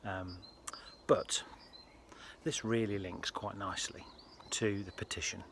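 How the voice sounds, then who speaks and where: A British man speaking casually to viewers in a personal health vlog, with an earnest, halting delivery. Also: deep voice, fairly even intonation, fairly bright tone. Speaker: health vlogger. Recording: faint ambient background noise.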